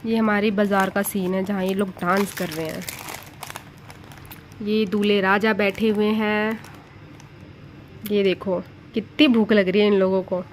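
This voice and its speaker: A woman's voice: medium pitch, flat delivery, measured pace, pauses often, slight background noise. Chatty woman narrating her wedding album. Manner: chatty, amused, homely. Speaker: vlogger. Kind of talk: casual chat narrating wedding photos.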